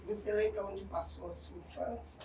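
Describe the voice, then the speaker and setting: A woman's voice: mid-range voice, fairly even intonation, normal speed, mellow. Woman interviewer asking brief questions. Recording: echoey room, distant mic, background noise.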